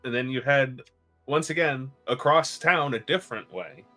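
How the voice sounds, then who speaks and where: A man's voice: mid-range voice, moderate pace, sharp tone, faint music behind. A man narrating a tabletop game as game master, chatty with casual asides.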